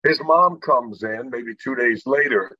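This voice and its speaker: A man's voice: medium pitch, a little slow, bright, forceful tone, dry recording, muffled recording. A middle-aged man from Indiana, a guest telling his life story earnestly and acting out the people in it. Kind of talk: personal storytelling in an interview.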